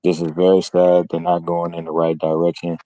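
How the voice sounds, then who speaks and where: Middle-aged guy calling in, muffled like through a wall, lowish voice, dry sound. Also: completely flat delivery, brisk, dark tone, no echo. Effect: muffled, as if heard through a wall. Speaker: caller on a sports talk stream. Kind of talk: casual sports chat.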